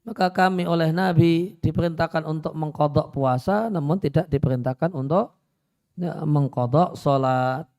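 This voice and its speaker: Mellow-voiced male preacher giving a lecture. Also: on the high side, moderate pace, no echo, studio quality. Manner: conversational, repeats phrases, frequent "ya" fillers; mixes in Arabic phrases. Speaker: Islamic preacher. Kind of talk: religious study lecture.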